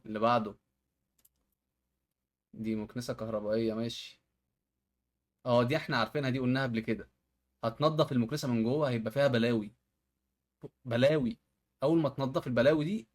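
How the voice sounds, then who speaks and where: A man from Egypt with an Egyptian accent, reacting to home-hack videos in casual commentary and often exclaiming at the tricks. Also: mid-range voice. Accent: Egyptian Arabic.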